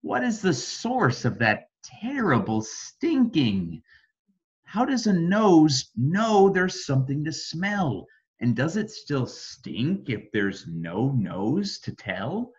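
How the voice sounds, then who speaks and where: Storybook role: curious small girl, performed by a man, questioning and emphatic, animated intonation, unhurried, muffled recording. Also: on the high side, slightly rough, exaggerated voice. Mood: puzzled, inquisitive. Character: curious little girl asking endless questions.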